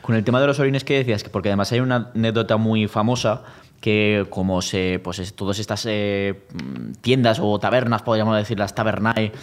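A man hosting a podcast, talking in a relaxed, conversational way. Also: on the low side, fairly quick. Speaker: podcast host. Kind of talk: casual podcast chat.

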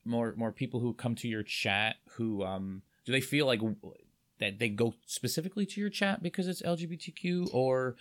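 A man in his thirties hosts a relaxed podcast conversation at a middle pitch. He talks in halting bursts, restarting his sentences over and over with plenty of fillers. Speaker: podcast host. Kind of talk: casual chat.

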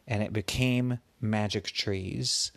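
A father telling his child an improvised bedtime story in a gentle, patient way. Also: on the low side, fairly even intonation, takes it slowly, vocal fry, no room sound.

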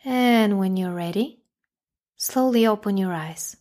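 Guiding a meditation, a woman speaks at a medium pitch in a calm, measured way. She gives brief, simple instructions and lets long pauses follow each one.

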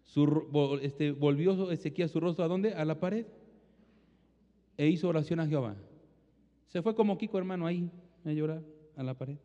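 A male pastor delivering a Spanish-language sermon with call-and-response, swinging between loud exhortation and quiet, low asides. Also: moderate pace, pauses often. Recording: dull, long-reverb hall sound.

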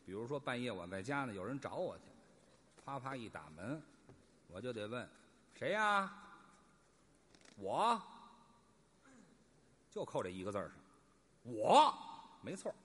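A man playing the straight man in crosstalk comedy, firing back quick indignant retorts on a theater stage. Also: mid-range voice, lively intonation, husky.

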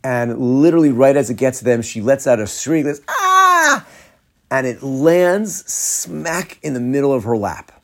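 A man from Atlanta, a rabbi telling a story in a sermon, acting out the people in it with quick laughs. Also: mid-range voice. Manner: animated storyteller, acts out quoted voices with laughs.

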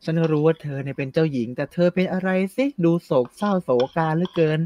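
A man's voice: fairly high pitch, fast talker, dark tone, natural voice. A man voicing a bumbling old king who keeps laughing and joking with his daughter, in an improvised comedy story podcast. There is faint noise behind him. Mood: joking fatherly. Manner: laughs often, clowns and goes off-script.

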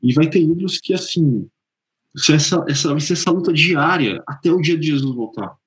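A man's voice: fairly high pitch, expressive, normal speed, rough recording. A man with a Brazilian accent giving casual religious talk as a panelist, speaking informally and directly to the listeners. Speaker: panelist answering questions on faith.

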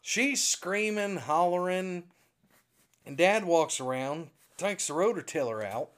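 A man spins a comic family tale with a lively, swooping delivery that rises high on his punchlines. His voice sits a little high for a man, and he laughs through his own story, slipping into his parents' voices. It sounds like a relaxed pastor's chat show. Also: takes it slowly. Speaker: pastor and podcast host.

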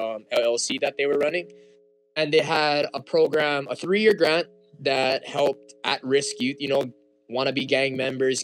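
A young native Hawaiian man appears as a guest on a chat show, loose and easygoing in casual interview chat. His mid-range voice comes through poor audio, and he's relaxed, with frequent fillers and restarts.

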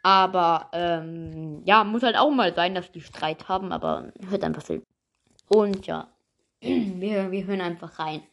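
A woman's voice: lowish voice, measured pace, gravelly, a bit bright. A woman narrating her homemade audio episode in a rambling, casual way, talking straight to her listeners. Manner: rambling, full of fillers, addresses listeners as friends. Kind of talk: casual chatty narration to viewers.

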